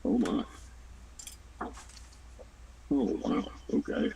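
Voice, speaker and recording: A man's voice: very slow, dark tone, lo-fi sound. A man chatting casually as a podcast co-host. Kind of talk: casual chat. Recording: distant mic, faint background noise.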